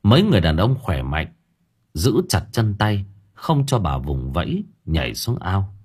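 Husky low-voiced man reading a story, very lively tone. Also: a little slow. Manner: dramatic, expressive storytelling. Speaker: audiobook narrator. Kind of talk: scripted story narration.

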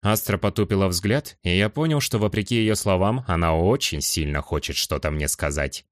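Deep-voiced male audiobook narrator. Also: expressive, moderate pace, dry recording. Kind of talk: scripted first-person narration.

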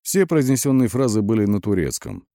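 A man's voice: on the low side, very animated, brisk, mellow, dry recording, clean studio sound. A man reading a war audiobook with terse, gritty delivery. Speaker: audiobook narrator.

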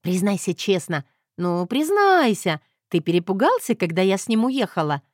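A woman's voice: mid-range voice, big pitch swings, no room sound, clean studio sound, close to an everyday voice. A woman voicing a sassy, defiant young wife who keeps snapping back, in an audiobook. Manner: sassy, quick to snap back.

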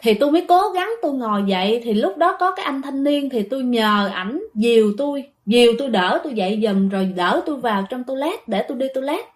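A woman voicing a frail, sick old father who calmly explains himself, in her own plain storytelling voice. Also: on the high side, a little fast, hardly any pauses, natural voice. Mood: explaining.

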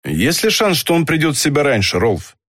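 A man reading an audiobook, voicing a stern, measured police inspector. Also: a little high, very animated, a bit bright, no room sound, clean studio sound. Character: middle-aged male police inspector, stern.

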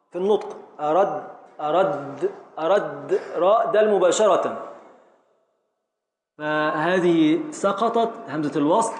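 A man with an Egyptian accent teaching a classroom lesson on Arabic poetic meter, explaining slowly and repeating syllables as he calls on students. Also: high-pitched. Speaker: teacher of Arabic grammar and prosody. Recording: echoey classroom with faint noise.

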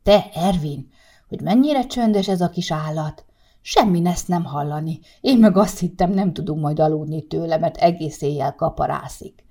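A fretful grandmother nags her husband in a higher, louder voice, as a woman narrator puts her on. The scolding comes in rising exclamations and comes back again and again. It is an audiobook telling, with a fairly low voice under the character. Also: creaky. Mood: worried. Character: fussy worried grandmother, older woman.

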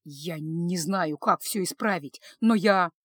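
A woman's voice: fairly low pitch, takes it slowly, no room sound, studio quality, voice pushed down. A woman voicing a desperate young man who pleads in a strained voice, in a storybook reading.

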